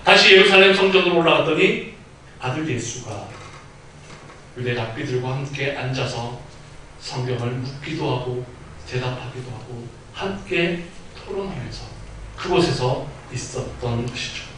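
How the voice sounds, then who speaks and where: Male pastor, bright voice, dramatic storyteller, heavily echoing church hall heard from afar. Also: medium pitch, moderate pace, a little hiss or hum. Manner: storytelling preacher, acts out quoted speech with sudden loud outbursts. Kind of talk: sermon. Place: church sanctuary. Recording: very echoey hall, mic at a distance.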